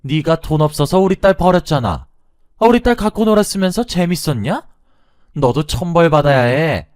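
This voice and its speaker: A man voicing a brazen, greedy middle-aged mother-in-law who talks in a shrill, demanding way. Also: lively intonation, normal speed, a little mellow, clean tone, no room sound, studio quality, lightly acted. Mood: furious.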